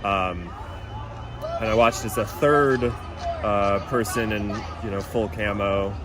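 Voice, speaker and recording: A young man being interviewed outdoors as an eyewitness, recounting what he saw in a halting, measured way with careful detail. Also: fairly low pitch. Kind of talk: street interview, eyewitness account. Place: outdoors on a city street. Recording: outdoor street with loud traffic noise. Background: loud street and vehicle noise.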